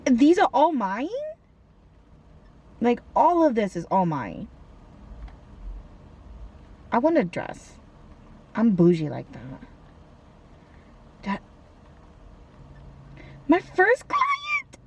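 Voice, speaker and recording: Gushing, lively young woman vlogger. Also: medium pitch, slow pace, long pauses, husky. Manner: gushing and animated, slangy. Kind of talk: casual vlog chat.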